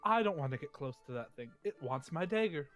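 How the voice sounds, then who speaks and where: A man's voice: on the high side, animated, brisk, a bit bright, faint music behind. A man playing a tabletop role-playing game, bantering in character in a playful, mock-formal way.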